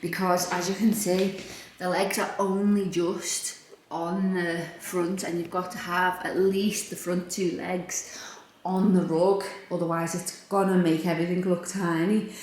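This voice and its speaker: A woman's voice: on the low side, flat delivery, unhurried, darkish tone. A woman chatting casually as a home vlogger, thinking aloud in an informal, self-deprecating way. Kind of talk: casual chatty room-tour vlog. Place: indoors in a living room. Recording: echoey room, background noise.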